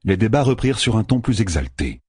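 A man narrates a fantasy audiobook in expressive storytelling, often dropping low for suspense. His voice is low and husky, with a lively rise and fall. The recording is dry and close. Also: a little fast, no echo.

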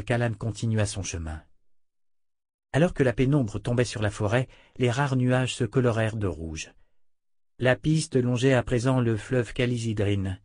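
A man's voice: mid-range voice, no echo. Man reading an audiobook, dry sound. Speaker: narrator. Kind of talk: audiobook narration.

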